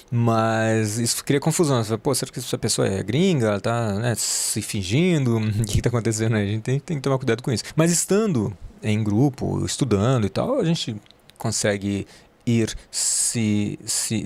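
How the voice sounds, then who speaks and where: A Brazilian man with Portuguese as his first language, teaching a casual online English lesson, repeating example sentences slowly and wandering into asides. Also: fairly low pitch, a little mellow. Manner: explains slowly, repeats example sentences at a careful drilled pace; rambling asides with fillers.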